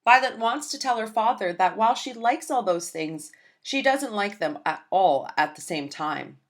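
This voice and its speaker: A woman reads a children's picture book aloud, gentle and expressive as she tells the story. Her voice is mid-range, at a moderate pace.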